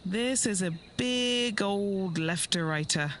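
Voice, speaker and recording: A man voicing a calm, measured on-course golf reporter who reads the greens in a soft, unhurried way. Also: high voice, a little hiss or hum, voice pushed up, full character voice. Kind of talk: golf commentary.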